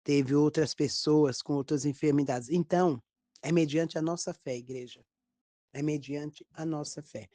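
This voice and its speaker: A woman pastor with a Brazilian accent, telling a testimony in a sermon, with lively storytelling and acted quotes. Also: deep voice, unhurried, no room sound. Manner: storytelling, animated quoted dialogue.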